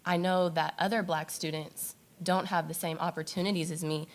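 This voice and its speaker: Young female student panelist, low voice, firm and earnest. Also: flat delivery, moderate pace. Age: young adult. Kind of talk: panel discussion.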